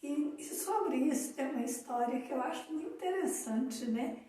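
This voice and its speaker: A woman with a Brazilian accent co-hosting a live talk, telling a story in a calm, reflective way. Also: high voice, normal speed. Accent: Brazilian Portuguese. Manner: calm, reflective, tells anecdotes. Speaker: co-host of a live talk on emotional awareness. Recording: echoey room, far from the mic.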